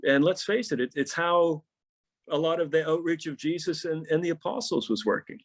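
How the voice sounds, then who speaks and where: A man's voice: a little high, moderate pace. A middle-aged pastor in a podcast interview, telling stories animatedly and often repeating words as he starts a thought.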